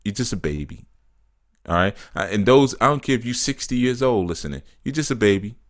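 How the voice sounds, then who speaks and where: A man with a very low voice talks loosely on a live stream, reading out viewers' comments and answering each one. He laughs often and drops "you know" and "man" into his sentences. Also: animated, fairly quick. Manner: reads viewer comments aloud and answers them. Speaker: spiritual teacher answering live chat.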